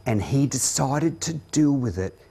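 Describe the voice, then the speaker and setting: A man's voice: mid-range voice, expressive, unhurried, vocal fry, dark tone, husky. A middle-aged man, presenting a parenting workshop to an audience in an earnest, explanatory way.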